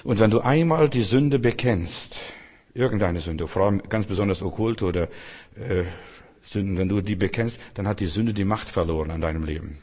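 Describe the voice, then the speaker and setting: A man's voice: on the low side, normal speed, darkish tone, big-room sound. A man preaching a sermon, earnest and repetitive, speaking directly to the listener.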